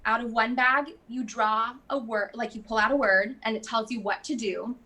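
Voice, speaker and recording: A woman guest in casual conversation, chatty and quick to laugh, with lots of fillers. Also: on the high side, fairly even intonation, bright, forceful tone. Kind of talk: casual chat.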